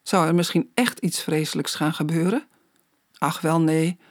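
An audiobook narrator reads a children's story at a slow, measured pace. The voice sits at a middle pitch. The recording is dry and close, with no room sound. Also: no echo.

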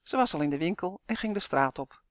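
A woman narrating a children's fantasy story in a measured, expressive way. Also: fairly low pitch, no room sound, clean studio sound.

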